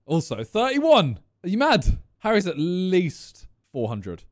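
Excitable young streamer. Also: male voice, sits high, slow. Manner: chatty, laughs often, exclaims loudly. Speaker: streamer reacting to a video. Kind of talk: casual reaction commentary. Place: gaming room with neon lights. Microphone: studio mic on boom arm with headphones.

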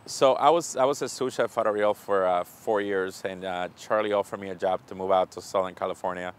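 A man's voice: low-pitched, steady tone, fairly quick, clear, resonant tone. A man in his thirties from the Dominican Republic, a chef and restaurant owner, talking candidly about his life with easy fillers. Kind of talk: casual self-introduction. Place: restaurant kitchen and gym.

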